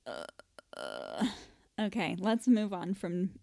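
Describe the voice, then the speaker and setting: A woman's voice: lowish voice, huge pitch swings, slow, creaky, dark tone, no echo, clean studio sound. A woman co-hosting a podcast in casual chat, talking in a chatty, self-deprecating way and laughing often. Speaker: podcast co-host.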